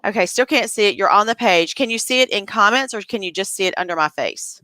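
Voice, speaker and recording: Woman, livestream host, crisp bright tone, casual chatty, cough drop in mouth. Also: mid-range voice, lively intonation, quick pace, no echo. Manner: chatty, troubleshooting aloud. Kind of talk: casual live interview.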